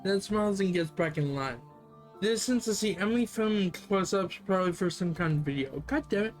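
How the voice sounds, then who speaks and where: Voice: mid-range voice, animated, a little fast. Live-stream game narrator; wry, muttering asides, faint music under the voice. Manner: sarcastic, swears and mutters asides. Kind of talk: live game read-through with commentary.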